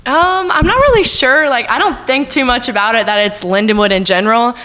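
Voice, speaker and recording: A woman's voice: on the high side, a little fast, pushed and bright, long reverb tail. A young woman basketball player speaking casually at a postgame press conference. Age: young adult.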